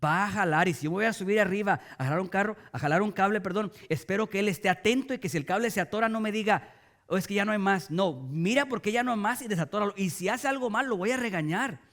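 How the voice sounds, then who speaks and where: A man's voice: high-pitched, fast, few pauses, fairly bright tone. A middle-aged man, preaching a sermon as a pastor and often asking the congregation rhetorical questions.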